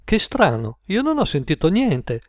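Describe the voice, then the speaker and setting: A man reading an audiobook and voicing a small, prim balding man who speaks with smooth politeness. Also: high voice, huge pitch swings, a little slow, no echo, pitched above the performer's own voice, exaggerated voice. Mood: polite cover. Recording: tinny phone-like line.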